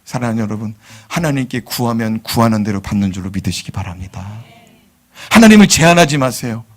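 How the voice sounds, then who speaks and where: A male pastor giving a sermon in a church, animated and quizzing the congregation. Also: mid-range voice, a little fast. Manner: animated, asks the congregation questions, drops to whispers.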